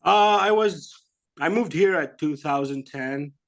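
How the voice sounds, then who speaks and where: A man, answering interview questions in a halting, casual way with many fillers and soft laughs. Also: on the high side. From Iraq. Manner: halting, lots of "you know" and "like", laughs softly. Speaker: guest, bodybuilder.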